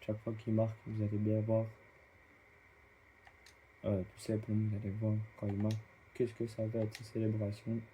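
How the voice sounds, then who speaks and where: A man's voice: fairly low pitch, monotone, moderate pace, pauses often, mellow, low-quality recording. A man giving casual gameplay commentary, often repeating his phrases and addressing viewers as friends. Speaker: gaming streamer. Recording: faint background noise.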